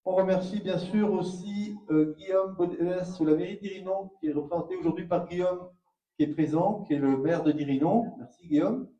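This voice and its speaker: Man, co-president, very dark mellow tone, dull distant recording, halting thanks. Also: sits high. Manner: halting, repeats words. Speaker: co-president of the tournament. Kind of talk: thank-you speech. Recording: dull, echoey hall from far off.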